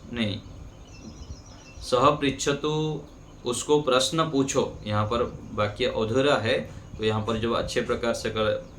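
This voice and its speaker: A man teaching Sanskrit grammar in a slow classroom lesson, patiently repeating sentences word by word. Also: medium pitch, a bit bright. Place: ashram classroom with birds outside. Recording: faint background noise.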